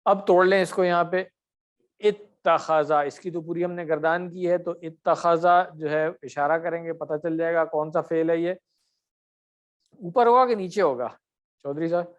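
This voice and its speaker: A man's voice: on the high side, steady tone, highs cut off. A middle-aged man teaching Arabic grammar in an online class, correcting and quizzing his students by name.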